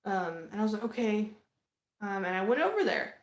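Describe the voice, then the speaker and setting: A young woman chats through a personal story on a live stream, circling back with plenty of "um"s and "like"s and restarting her sentences. Her voice sits at an ordinary middle pitch. The room around her rings with noticeable echo. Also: very animated, a little fast. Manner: rambling, many fillers and restarts. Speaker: vlogger. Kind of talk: casual livestream storytelling. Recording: echoey room.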